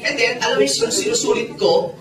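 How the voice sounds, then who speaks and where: A man in his forties with a Filipino accent, a network marketing mentor telling stories to a seminar audience, animated and joking with the crowd. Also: very high voice, fairly quick. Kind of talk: Taglish seminar storytelling. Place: seminar hall with a large audience. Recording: echoey hall, distant mic, loud crowd.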